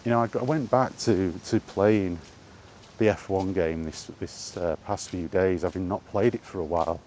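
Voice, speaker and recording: Here a low, somewhat dark male voice at moderate speed belongs to a British man ranting spontaneously while out walking, much like a gaming vlogger. He's fed up and sweary, asking the same rhetorical questions again and again. Background noise from the outdoor setting comes through clearly.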